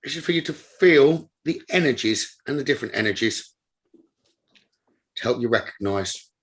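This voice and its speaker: A husky, medium-pitched man leads a guided meditation, offering gentle instructions in brief phrases broken up by pauses, his tone steady and calm like a teacher's.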